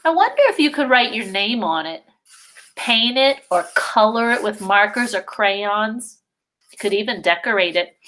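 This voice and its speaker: With a medium pitch and a slightly bright tone, a woman teaching preschool hosts circle time online for little children. She speaks slowly and lengthens her words in a sing-song fashion.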